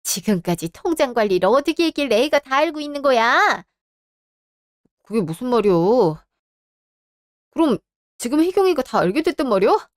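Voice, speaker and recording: A haughty, scolding mother-in-law, as a woman voices her in a radio drama. Her voice sits high and sharp, full of offended pride. It is recorded dry and close, with no room sound. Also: sing-song, normal speed, pauses often, no echo. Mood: indignant. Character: indignant middle-aged mother-in-law, shrill and scolding.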